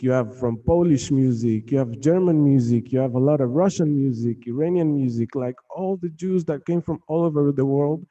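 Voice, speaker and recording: A man from Mexico, a guitarist, answering interview questions casually in a halting way with many fillers. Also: mid-range voice, dark tone, dull audio. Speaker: guitarist and band member. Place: room in Jerusalem.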